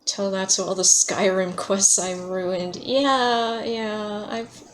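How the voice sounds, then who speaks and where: A woman streamer talks casually over her gameplay, with a voice pitched right in the middle. She laughs often and greets her viewers by name. A faint hiss sits under her voice. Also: steady tone, takes it slowly. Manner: chatty, laughs often, answers chat by name. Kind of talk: casual livestream chat while playing.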